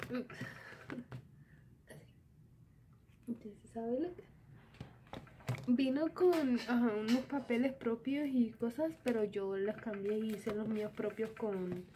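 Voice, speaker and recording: A woman's voice: fairly high pitch, warm tone, a little hiss or hum. A young woman from the Dominican Republic with a Dominican Spanish accent, chatting casually as she shows her planner, slipping English words into her talk, filmed on a phone in a small bedroom. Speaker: vlogger. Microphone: phone camera at arm's length.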